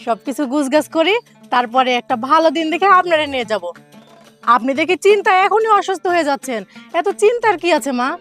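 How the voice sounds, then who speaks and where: An actress playing a reassuring but defensive young daughter-in-law in a family drama, talking in an insistent, conversational way. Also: female voice, sits high, lively intonation, fast talker, a bit bright, faint music behind. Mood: soothing. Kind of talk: Bengali family TV drama acting.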